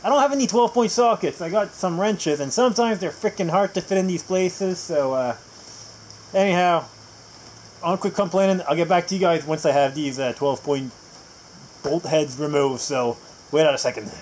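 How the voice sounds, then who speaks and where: On a low-quality recording with slight background noise, a man on the high side hosts a casual at-home video about working on his vehicle. He speaks at a moderate pace, rambling with many filler words and dry self-mockery while crickets and insects chirp loudly.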